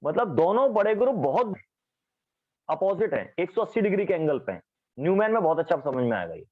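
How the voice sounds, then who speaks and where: Animated male chemistry teacher, tinny sound. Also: high voice, fairly quick. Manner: lively, questions students often. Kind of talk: classroom lecture. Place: classroom.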